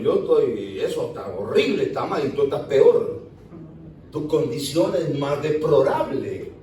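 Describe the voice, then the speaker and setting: A male pastor with a Uruguayan Spanish accent delivers a sermon in a church, now and then breaking in with praise to God. His voice sits a little high for a man. It rings through a very echoey hall and is picked up from some distance. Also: a little mellow. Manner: preaching with frequent "Gloria al Señor" interjections, acting out quoted voices.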